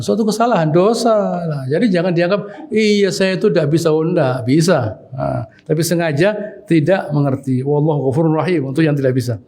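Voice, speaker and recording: A man's voice: a little high, gravelly, mellow. A man gives a weekly Quran commentary sermon in a small prayer hall. He talks conversationally, keeps returning to the same short tag phrase, and chuckles now and then as he teaches. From Indonesia. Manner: conversational, repeats "begitu ya", chuckles while teaching.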